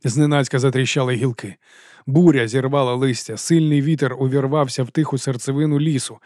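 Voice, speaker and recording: A male narrator at a middle pitch tells a fantasy tale in the first person, in a measured, steady read. The recording is close and completely dry. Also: no room sound. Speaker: audiobook narrator.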